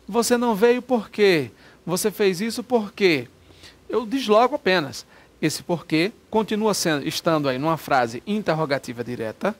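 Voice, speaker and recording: A man's voice: on the high side, fairly bright tone. A man giving an informal grammar lesson on video, chatty and often checking that the viewer is following. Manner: chatty, asks for agreement often. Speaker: Portuguese grammar teacher.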